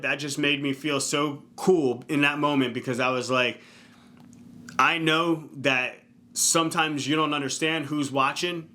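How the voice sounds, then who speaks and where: A man's voice: a little high, pushed and bright. A man in his thirties, a fitness coach, talks through a casual, earnest motivational talk, often checking in with "right?". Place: indoor room.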